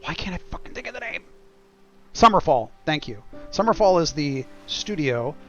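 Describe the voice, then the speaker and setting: A man's voice: fairly high pitch, big pitch swings, normal speed, dull audio. Wry man chatting on a livestream. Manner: wry, sweary, sarcastic asides. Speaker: game streamer. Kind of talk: casual livestream chat and game commentary. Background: music.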